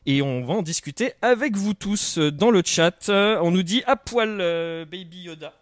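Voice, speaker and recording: A man's voice: high-pitched, moderate pace, no echo, clean studio sound. Hesitant man hosting a stream. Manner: hesitant, many fillers and restarts. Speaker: stream host. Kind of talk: casual live-stream chat. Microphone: studio microphone.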